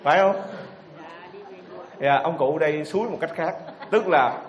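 A man's voice: a little high, a little slow. A man preaching a sermon, putting questions to the audience and repeating their answers back to them. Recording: echoey hall with faint ambience.

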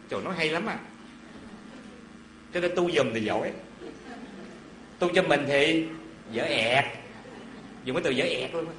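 Animated man preaching. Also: mid-range voice, slight background noise. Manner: animated folksy storytelling with asides to listeners. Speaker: Buddhist preacher. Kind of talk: dharma talk storytelling. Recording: echoey hall with faint ambience.

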